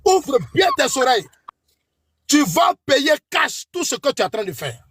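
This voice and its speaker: A man's voice: very high voice, sing-song, moderate pace, fairly bright tone, no echo, studio quality, faint music behind. A man with an Ivorian French accent in a heated political debate, accusing his opponent by name and warning him before God. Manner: preachy warnings invoking God.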